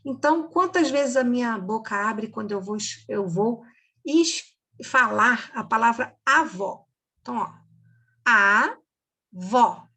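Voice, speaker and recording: A woman teacher giving a slow, patient recorded reading lesson for children, repeating words and checking in with "ok?". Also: a little high, fairly bright tone, breathy edge.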